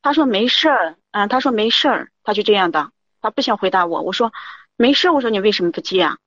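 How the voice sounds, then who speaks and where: A woman telling her story to a show host. She runs her words together quickly and talks in loops, repeating herself as she recounts each exchange. The audio is dry and muffled. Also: mid-range voice, fairly bright tone, dry recording. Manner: rambling, keeps repeating "I said". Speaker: caller. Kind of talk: confiding call-in account.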